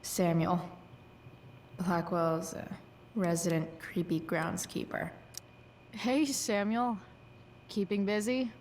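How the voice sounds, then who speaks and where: Low-voiced sarcastic teenage girl. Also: steady tone, slow pace, long pauses, darkish tone. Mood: sardonic. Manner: sardonic, slangy, casual. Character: sarcastic, rebellious teenage girl, brash and sardonic. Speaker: video game character voice. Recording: clear ambient noise behind voice.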